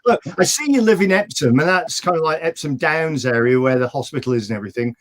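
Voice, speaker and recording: A man's voice: a little high, animated, fast talker. A man with a slight northern English accent hosting a local online news show from a virtual studio, chatty and friendly. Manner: friendly scripted intro, then chatty. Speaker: host. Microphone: video call.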